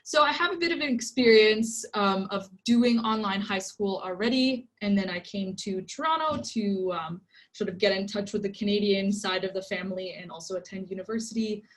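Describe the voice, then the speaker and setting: Heard on a rough computer-mic recording, a twenty-something woman who grew up in Egypt leads an online workshop. She speaks at medium pitch and moderate pace, casual and talkative, with frequent ums and likes.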